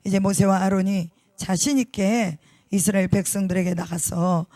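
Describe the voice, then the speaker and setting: A man's voice: high-pitched, fairly even intonation, moderate pace, dark tone, no room sound, clean studio sound. A man preaching a sermon as pastor, emphatic, repeating key words and putting rhetorical questions to the congregation.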